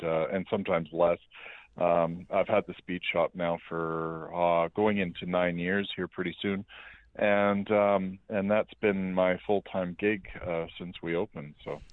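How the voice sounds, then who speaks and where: Middle-aged Canadian male guest, deep and dry, phone-line quality. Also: dry recording. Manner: relaxed, rambling with many fillers. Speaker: guest, metal fabricator and speed shop owner. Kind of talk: casual interview chat.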